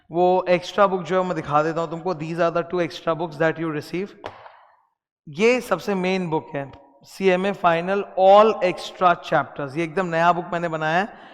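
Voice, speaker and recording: An Indian-accented man teaching a law class, talking straight to his students and giving them instructions. His voice sits a little high and sounds smooth and clear. The room leaves a long echo behind every phrase. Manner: explains in mixed Hindi and English, addresses students directly. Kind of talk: classroom lecture.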